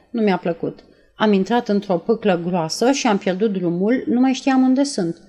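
A woman reading aloud and voicing a nervous young woman who retells events in a breathless, halting way. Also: medium pitch, a little mellow, close to an everyday voice. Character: nervous young woman, shaken after a shooting.

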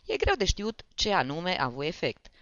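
Audiobook narrator with a very lively, expressive delivery; dry, dull recording. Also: medium pitch, no echo. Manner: expressive storytelling.

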